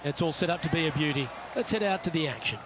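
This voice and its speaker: A man working as a golf commentator, calling shots in measured, understated sportscaster remarks for a video game. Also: fairly high pitch, animated, heavy background noise, lightly acted. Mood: measured, encouraging. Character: polished male golf commentator calling each shot. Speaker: golf commentator, lead announcer.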